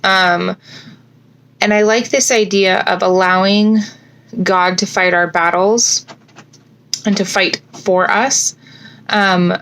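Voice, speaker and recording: A woman's voice: mid-range voice, fairly even intonation, takes it slowly, pauses often, fairly bright tone, clear, resonant tone. Chatty woman with slightly slurred, fat-lipped speech. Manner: informal, thinking aloud with frequent self-corrections. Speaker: scripture podcast host. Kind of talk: casual, chatty scripture reflection. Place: bedroom at home.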